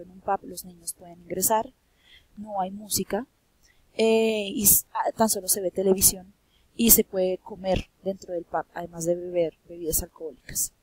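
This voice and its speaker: Young Bogotá woman, English teacher, husky, dry close mic, bilingual lesson with questions to the class. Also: medium pitch, dark tone, dry recording, low-quality recording. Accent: Bogotá Colombian Spanish. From Colombia. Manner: says each point in English, then repeats it in Spanish; lifts her voice on quiz questions.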